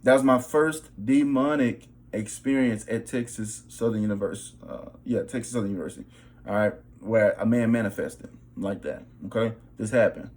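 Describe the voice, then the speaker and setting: A man's voice: on the low side, normal speed, a little mellow. A young man giving a personal spiritual testimony in a casual, emphatic way, often checking in with his listeners. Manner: casual, emphatic, repeats "bro" and "okay". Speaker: vlogger.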